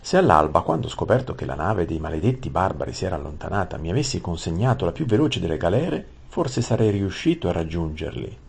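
A man voicing a hot-tempered young prince who shouts and rants. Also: deep voice, big pitch swings, quick pace, gravelly, few pauses, slightly rough, exaggerated voice. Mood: furious. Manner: shouting, ranting.

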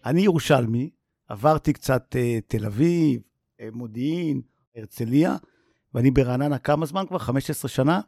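Mellow-voiced man, eager podcast co-host. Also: medium pitch, no room sound, clean studio sound. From Israel. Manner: enthusiastic, repeats words for emphasis. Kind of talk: casual chat.

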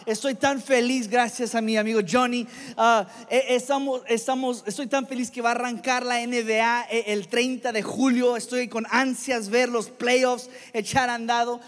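High-voiced pastor preaching in a hall. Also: male voice. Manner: reads scripture slowly, then chats casually with the congregation. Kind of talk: sermon. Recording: reverberant hall.

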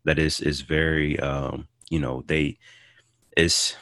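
Very deep-voiced male host. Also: little pitch movement, takes it slowly, bright, forceful tone, no echo. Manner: hesitant, many ums. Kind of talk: podcast interview.

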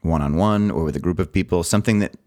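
A man with an extremely deep, low voice co-hosts a casual podcast chat. He gives earnest advice and drifts into goofy, playful riffs. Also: fast talker, darkish tone. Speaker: podcast co-host.

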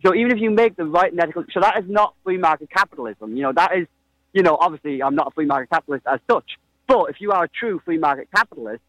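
Man, slightly high pitch, earnest activist debater, challenging, heated argument, dry sound. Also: expressive, very fast, a bit bright, no echo, poor audio. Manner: earnest, challenging, pressing his point. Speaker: climate activist guest.

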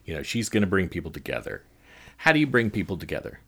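A man hosting a podcast interview, asking thoughtful, halting questions with some pauses. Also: low-pitched, wildly swooping pitch, vocal fry, sharp tone, slightly rough. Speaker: podcast host.

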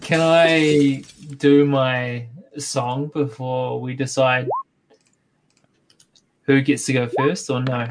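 A man's voice: mid-range voice, little pitch movement, slow pace. A man playing a tabletop game, talking casually in a hesitant, tentative way. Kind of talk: casual chat. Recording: background noise with clicking.

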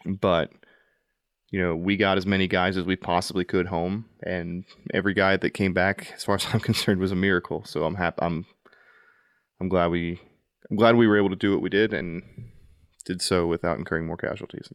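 A man with a deep, low voice speaks in an earnest, reflective way, often restarting his sentences. He sounds dry and close, like a podcast host at the mic. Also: fairly even intonation, fairly quick, dry recording. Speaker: podcast host, Army veteran. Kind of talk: casual conversational interview.

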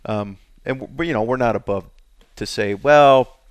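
A man who designs outdoor gear, talking as a guest in a casual chat, animated and quick to laugh. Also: on the low side, no room sound. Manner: animated, laughs often, lively storytelling.

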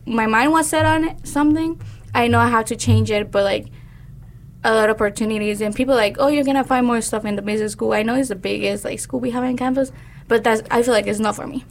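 Higher-voiced young woman from Honduras. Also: quick pace, a little hiss or hum. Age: young adult. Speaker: interview guest, criminal justice student. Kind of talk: casual interview chat.

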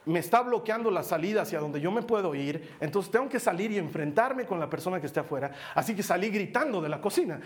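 A man preaching a sermon, telling a personal story in a lively way and acting out what people said. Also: high-pitched, quick pace, hardly any pauses. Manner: lively storytelling, acts out quotes.

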